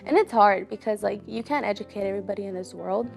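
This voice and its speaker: A woman's voice: medium pitch, fast, vocal fry, soft background music. A young woman from Mexico, a college student, sharing her personal story in a casual, earnest way with many fillers. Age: young adult. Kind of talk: personal testimony.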